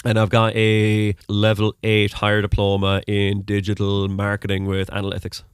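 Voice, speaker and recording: This young Irishman from Mullingar in Westmeath hosts a podcast but is the interviewee here, giving rambling, casual answers with plenty of ums. He has a fairly neutral accent that some hear as American, and talks at normal speed in a low, smooth, monotone voice, captured in a dry, studio-quality recording.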